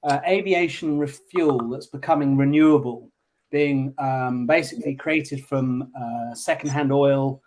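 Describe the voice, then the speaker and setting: A man's voice: mid-range voice, steady tone, unhurried, a little mellow. A man on a panel explaining things casually and earnestly, working through facts and figures.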